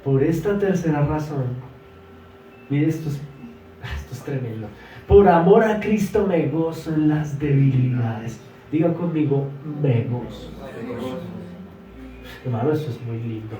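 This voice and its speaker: A pastor preaching a sermon, swinging between loud emphatic exclamations and soft asides, and stretching words slowly for emphasis. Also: male voice, on the high side, distant mic, soft background music. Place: church hall. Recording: echoey church, voice from afar.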